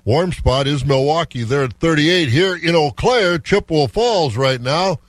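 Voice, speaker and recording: A man's voice: a little high, lively intonation, unhurried, no echo, studio quality. An American man hosting morning farm radio, reading weather and market prices in a folksy, conversational way. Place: radio studio.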